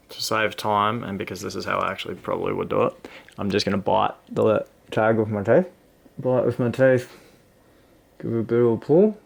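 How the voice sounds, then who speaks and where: A man casually talking through how he ties a fishing knot, relaxed and matter-of-fact as he works with his hands. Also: on the low side, creaky. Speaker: fishing channel host. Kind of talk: casual knot-tying tutorial.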